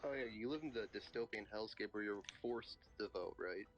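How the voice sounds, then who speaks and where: A man's voice: lowish voice, fairly quick, dull audio. A man chatting casually with a friend, hesitant and apologetic, stumbling over his first words. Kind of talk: casual chat.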